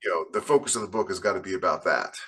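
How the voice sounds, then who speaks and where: Low-pitched yet a bit bright and slightly rough, this man talks very fast. He's a fiction author co-hosting a podcast, pressing firm opinions emphatically in a casual panel conversation about the craft of writing.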